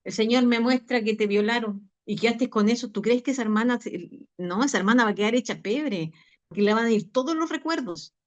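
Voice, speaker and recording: A woman's voice: fairly high pitch, a little fast, lo-fi sound. A woman pastor telling a personal testimony in a Bible study, chatty and full of fillers and restarts. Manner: conversational storytelling with many fillers and restarts.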